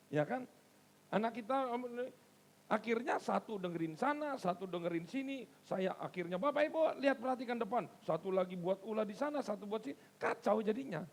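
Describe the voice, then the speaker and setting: A male pastor preaching in church, casual and conversational, with sudden loud emphasis on key words. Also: high-pitched. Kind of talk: sermon.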